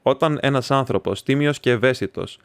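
A man's voice: medium pitch, no room sound, close to an everyday voice. Talkative young student , a man reading the part. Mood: chatty. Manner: rambling, chatty, teasing. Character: talkative young male student friend, warm and excitable.

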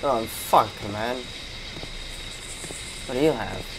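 A man's voice: medium pitch, slow pace, gravelly, noisy background. A young man giving casual gameplay commentary, reacting and swearing as he talks to himself. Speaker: gamer streamer. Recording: game gunfire behind voice. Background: gunshots and game ambience.

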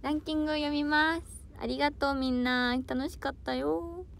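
A woman's voice: high-pitched, fairly even intonation, normal speed, vocal fry, a bit bright. Giggly young woman idol streaming solo. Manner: playful, giggly, tries out foreign words and dialect phrases. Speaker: idol livestream host. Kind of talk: casual livestream chat reading viewer comments.

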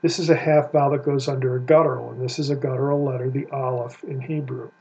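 A man's voice: medium pitch, fairly even intonation, fast talker, warm tone, husky. A man teaching Hebrew Bible study in a methodical, explanatory way while pointing through material on his screen. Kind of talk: screen-share lecture. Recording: dull lo-fi sound with faint hum.

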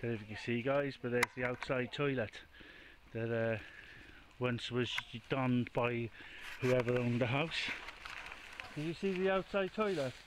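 A man's voice: mid-range voice, unhurried. Older Welsh man, casual explorer vlog, chatty and blunt, noisy outdoor camera audio. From Wales. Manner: chatty, swearing, addresses viewers as guys. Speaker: explorer filming and talking to camera. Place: overgrown garden of a ruined cottage at night, outdoors.

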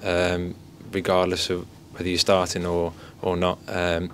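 Soft-spoken young goalkeeper, low voice. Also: male voice, completely flat delivery, a little slow, slight background noise. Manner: modest, repeats stock phrases. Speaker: football goalkeeper. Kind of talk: post-match interview. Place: indoor press area by sponsor board. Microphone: several handheld mics and phones held close.

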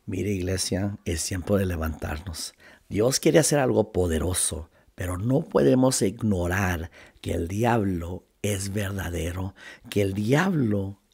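Male pastor-host, husky, urgent sermon delivery. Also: low voice, lively intonation, measured pace, a little mellow. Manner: fervent preaching, appeals to viewers.

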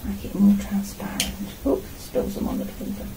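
At a moderate pace, a middle-aged woman offers casual narration to herself and the camera as she paints. She is an artist and vlogger working in a small indoor studio at home, and background noise can be heard.

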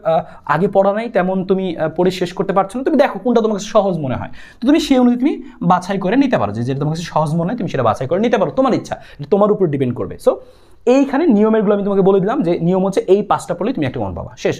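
A young man with a Bangladeshi Bengali accent, teaching an exam-prep grammar lesson in a quick, insistent way that keeps repeating the key points. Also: high voice, a little mellow. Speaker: tutor.

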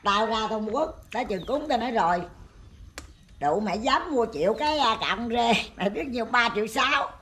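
An older woman, chatting outdoors and telling a long, animated story with plenty of exclamations. Her voice sits a little high. The recording is noisy, with animals audible in the background. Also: brisk. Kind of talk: casual chat.

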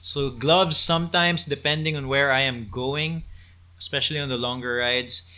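Chatty bright-voiced man vlogging. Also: medium pitch, moderate pace, clear, resonant tone. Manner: chatty and relaxed, with frequent fillers and restarts. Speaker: cycling vlogger. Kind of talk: casual talk to camera. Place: small room indoors at home.

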